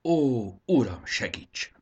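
A man's voice: slightly rough, highs cut off. A man doing an anxious young hero. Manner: excited, voice jumping up high. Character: young male hero, anxious but daring. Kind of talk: storybook reading.

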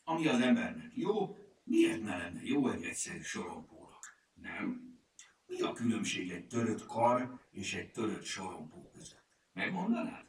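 A man voicing a know-it-all, bossy male storybook creature who lectures others and shouts crossly. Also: lowish voice, sing-song. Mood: smug. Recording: echoey room, far from mic, faint hiss.

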